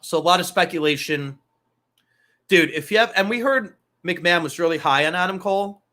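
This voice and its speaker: A man's voice: high voice, fairly quick, bright, forceful tone. A man hosting a casual wrestling talk show, loose and profane, rambling through asides. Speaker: podcast host.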